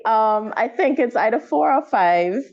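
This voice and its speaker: High, mellow-voiced woman. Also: expressive, a little slow, no echo. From Saint Vincent. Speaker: course participant, backyard grower. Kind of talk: casual question on an online class. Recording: dull, muffled online-call audio.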